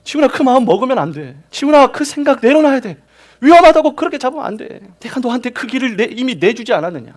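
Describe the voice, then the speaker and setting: A preacher doing a stern pleading voice of God. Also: male voice, extremely high pitch, sing-song, fast, voice pushed up. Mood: pleading, scolding. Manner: scolding, pleading, repeating a name.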